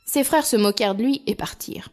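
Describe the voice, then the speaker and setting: A woman tells a fairy tale in a lively, expressive reading voice. Her pitch sits a little higher than most women's. Soft music plays quietly underneath. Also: fairly quick. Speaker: storyteller.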